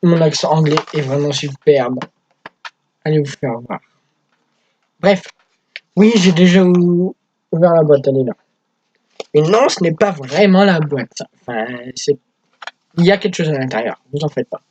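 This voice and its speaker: A man's voice: on the high side, moderate pace, a little mellow, lo-fi sound, slight background noise. A young man in his teens hosting a casual unboxing vlog for his gaming channel, chatty and self-mocking. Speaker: gaming YouTuber.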